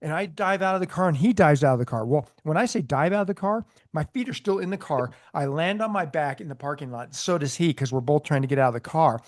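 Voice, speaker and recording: Male co-host, ex-cop storyteller, slightly high voice, animated, laughs through his anecdotes. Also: fast, hardly any pauses. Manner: animated storyteller, laughs often, shouts quoted lines. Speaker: podcast co-host, former police sergeant. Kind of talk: casual storytelling chat.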